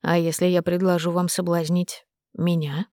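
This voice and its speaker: A woman's voice: medium pitch, brisk, darkish tone, dry recording, studio quality, close to an everyday voice. A woman voicing a charming, sly, flirtatious male lord in an audiobook, with a purring, playful manner. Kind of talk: audiobook character reading.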